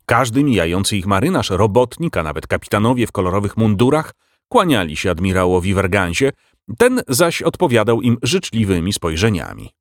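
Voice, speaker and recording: A man reading a fantasy audiobook with expressive storytelling. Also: on the low side, fairly quick, no room sound, studio quality. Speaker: audiobook narrator. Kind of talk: scripted narration.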